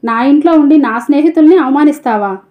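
A woman's voice: sits high, fairly quick, muffled recording, pitched above the performer's own voice, close to an everyday voice. A woman reading as a haughty rich young wife. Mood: scornful. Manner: sharp, scornful.

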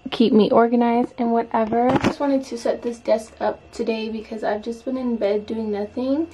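Female vlogger, 20s, slightly high pitch, informal rambling chat, noisy recording. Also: mellow. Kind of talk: casual vlog chat.

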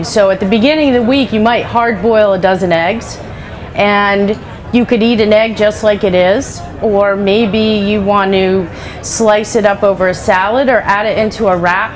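A woman's voice: medium pitch, background noise. A middle-aged woman chef giving a live cooking demonstration on a trade show stage, talking in a chatty, practical way with lots of asides. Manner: chatty, practical, many "you know" asides. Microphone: headset.

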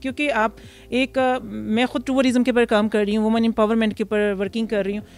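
A woman in her thirties from Pakistan, a restaurant founder answering interview questions outdoors into a handheld mic, pausing often with fillers. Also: a little high, level tone, a little mellow. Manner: hesitant, many fillers, mixes English words. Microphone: handheld mic held by interviewer.

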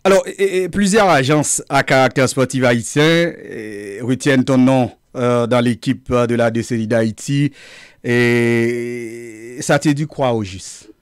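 A man hosting an interview over a video call, asking questions in a halting way and often repeating his words. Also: mid-range voice, clear, resonant tone, dry recording, clean studio sound. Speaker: interviewer, host.

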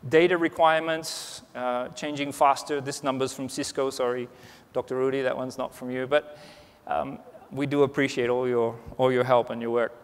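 Speaking in a slightly high, clean-toned voice, this keynote speaker in his forties keeps his talk conversational, full of restarts and "you know." He's on a big stage in a conference hall with plenty of reverb.

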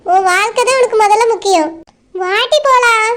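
A woman's voice: very high-pitched, fairly bright tone. An actress playing a bossy young village woman who coaxes and hurries her friend along. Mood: coaxing. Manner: urging, coaxing, brisk.

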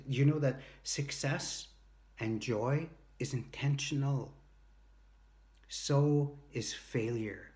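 His voice is medium in pitch and a little mellow. Earnest and emphatic, this early-fifties motivational speaker and workshop leader shares anecdotes right into the camera and acts out brief quoted exchanges, recorded indoors in a sloped-ceiling home room with a phone or device at arm's length.

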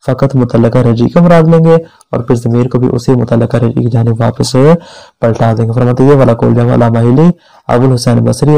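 A man's voice: medium pitch, creaky, dark tone, poor audio. A male seminary teacher giving a religious law lecture, reading Arabic passages and explaining each one by asking and answering his own questions. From Pakistan. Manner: reads Arabic text then explains it, asking himself questions.

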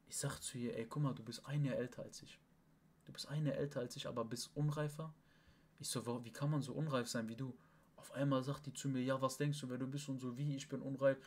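A young man with speech rambles on in a casual stream chat. He talks in emphatic bursts, swearing oaths and restarting his sentences. His voice sits in a middle range. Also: mid-range voice. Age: young adult. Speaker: livestream host. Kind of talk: casual venting to an online chat partner.

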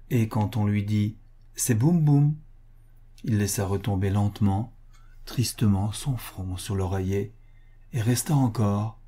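A man narrates a short story in a measured, expressive way, drawing out the important phrases. His voice is low and mellow, with a husky, breathy edge. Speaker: volunteer audiobook reader.

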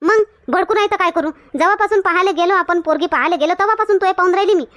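A woman's voice: very high-pitched, rapid-fire, a bit bright. A woman playing fiery village woman Shantabai. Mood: scolding. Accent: Varhadi Marathi. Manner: scolding, blunt, lecturing. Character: outspoken village woman Shantabai, quick to flare up. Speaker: comic actor. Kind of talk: village comedy skit.

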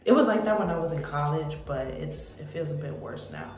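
An American woman in her thirties talking candidly and reflectively to camera in a casual confessional vlog, pausing as she goes and sometimes swearing. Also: low-pitched, animated, a little mellow. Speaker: vlogger. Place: small indoor room. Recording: echoey room with music behind.

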